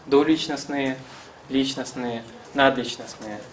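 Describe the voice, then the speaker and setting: A man's voice: mid-range voice, slow pace. A man in his thirties giving an informal seminar lecture and answering questions, hesitantly searching for words as he explains. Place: small classroom-like seminar room, indoors. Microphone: camera some metres away. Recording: distant camera mic, faint room noise.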